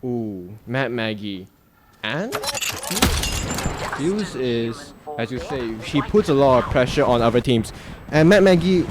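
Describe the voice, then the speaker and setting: A man giving analytical esports color commentary in a measured way. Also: medium pitch. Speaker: esports co-caster. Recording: clear game noise behind.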